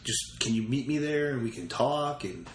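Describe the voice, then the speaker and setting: A real estate investor guest, this man has a mid-range voice and talks animatedly at a normal speed. He tells stories casually during an interview, repeating lines from his conversations. There's a roomy echo plus faint ambient noise.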